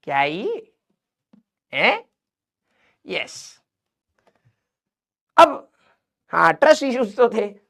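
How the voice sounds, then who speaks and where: Male online tutor, rather high voice, teasing banter with students, casual live-class delivery. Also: huge pitch swings, drawn-out words, gravelly, long pauses, fairly bright tone. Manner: teasing, joking, chatty. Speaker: online teacher.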